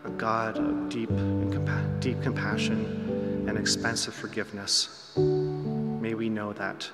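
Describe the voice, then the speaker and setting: A man leads a spoken congregational prayer at a pulpit microphone. He speaks in a measured, solemn way. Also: fairly low pitch, monotone. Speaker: prayer leader. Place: chapel. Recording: echoey chapel hall with loud guitar.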